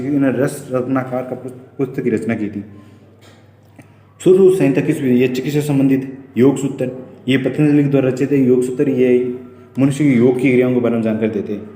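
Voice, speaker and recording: A man teaching an exam revision lesson, rattling off quick question-and-answer points with frequent restarts. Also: medium pitch, a little mellow. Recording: echoey room with faint music.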